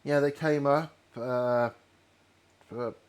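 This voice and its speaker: A man's voice: medium pitch, steady tone, slow pace, smooth. A man giving casual commentary while playing a train simulator, rambling and correcting himself as he goes. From North Wales. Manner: rambling, self-correcting storyteller.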